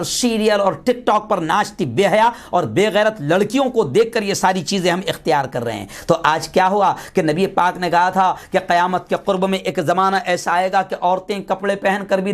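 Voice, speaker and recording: A man preaching an impassioned sermon, repeating his lines and rising to shouts as he exhorts his listeners. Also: sits high. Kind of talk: fiery sermon.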